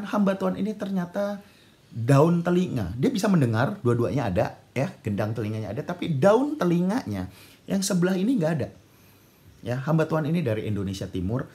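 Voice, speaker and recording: A man preaching a sermon to young people, telling a story dramatically and acting out the voices in it. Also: mid-range voice. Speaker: pastor.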